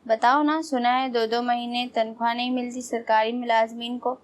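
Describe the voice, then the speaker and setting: A woman's voice: fairly high pitch, flat delivery, lightly acted. A needling, sarcastic older mother, as a woman narrator puts her on. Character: sharp-tongued, prying middle-aged mother.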